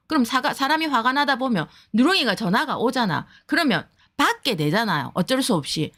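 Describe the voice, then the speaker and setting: A woman talks straight to her viewers in a blunt and heated way, swearing freely. Her voice sits a little high and swings widely up and down, and she slips into the voices of the people she quotes. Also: a bit bright. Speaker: streamer giving advice to viewers. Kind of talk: heated casual talk to viewers.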